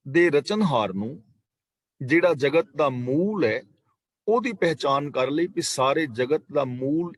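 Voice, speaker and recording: Higher-voiced man teaching scripture. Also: no echo. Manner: explains line by line with parables and repetition. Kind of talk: scripture class explanation. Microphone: online meeting call.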